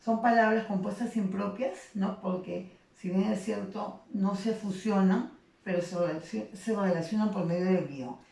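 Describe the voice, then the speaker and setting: Warm gravelly woman teaching, echoey and distant. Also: medium pitch, steady tone, moderate pace. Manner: patient explaining, frequent tag questions. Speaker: secondary school teacher. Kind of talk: recorded grammar lesson. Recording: echoey room, voice off the mic.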